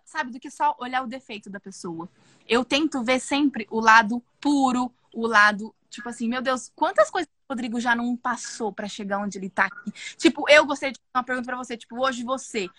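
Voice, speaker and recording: A young woman, talking in a loud, intense and expressive way in a casual podcast chat. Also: a little high, no echo. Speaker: podcast guest.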